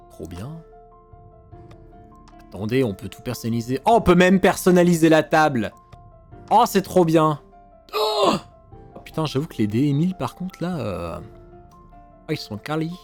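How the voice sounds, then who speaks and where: A man streaming a video game, chatting casually and excitedly, swearing and thinking out loud. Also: fairly high pitch, moderate pace, pauses often. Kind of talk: casual let's-play commentary. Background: faint game music.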